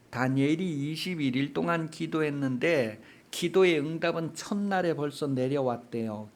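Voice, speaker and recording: A male pastor preaching an emphatic sermon, asking the congregation rhetorical questions and raising his voice for emphasis. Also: a little high.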